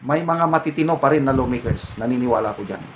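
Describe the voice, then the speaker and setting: A man's voice: medium pitch, quick pace, slight background noise, rough recording. A man with a Filipino accent giving casual, opinionated political commentary and mixing English phrases into his talk.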